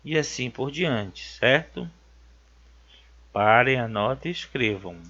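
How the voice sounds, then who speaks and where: This time the Brazilian teacher's voice is medium-pitched, expressive, pushed and bright, and he takes things slowly. He drills exam grammar with emphasis in his Brazilian Portuguese accent, repeating key words and checking "certo?", captured with a dull lo-fi quality.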